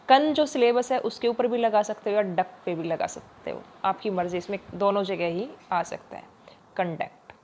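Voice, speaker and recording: A woman teacher giving an exam-focused lesson, explaining patiently, mixing in English terms and slowly stretching out each example word. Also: mid-range voice.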